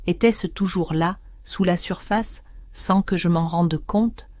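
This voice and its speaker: A woman narrating a first-person story in a steady, measured way. Her voice is low and mellow, with a dark warmth, and it sounds dry and close with no room around it. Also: no room sound.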